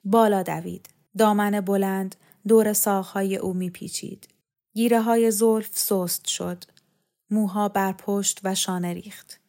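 Woman, calm measured story narration, mid pitch. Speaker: story reader. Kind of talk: scripted narration.

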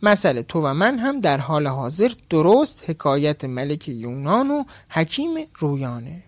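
A man's voice: fairly high pitch, sing-song, dry recording. A man doing a sly clever fisherman. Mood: mocking. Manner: sly and mocking.

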